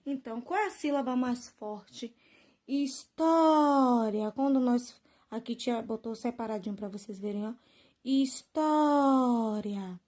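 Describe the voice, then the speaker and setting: A woman teacher, giving a lesson to children, drawing out example words slowly and often checking that they follow. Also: a little high, fairly even intonation, mellow. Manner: slow drawn-out stress on example words, frequent "né?" and "tá bom?" checks.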